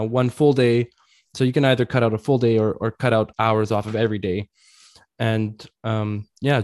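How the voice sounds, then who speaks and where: A man's voice: mid-range voice, darkish tone, dry recording, studio quality. A man answering as an interview guest, explaining practical advice methodically, point by point, like a coach.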